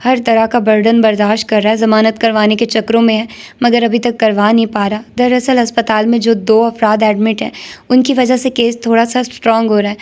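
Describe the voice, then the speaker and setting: A woman voicing a stern, protective young male police officer who speaks gravely. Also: fairly high pitch, level tone, a little mellow, natural voice. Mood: grim.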